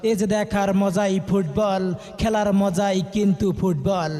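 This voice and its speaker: Man announcing through a loudspeaker, echoing. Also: sits high, fairly even intonation, measured pace, soft background music. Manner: chanting, rhythmic, repeats key phrases. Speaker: event announcer. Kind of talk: sing-song loudspeaker miking announcement.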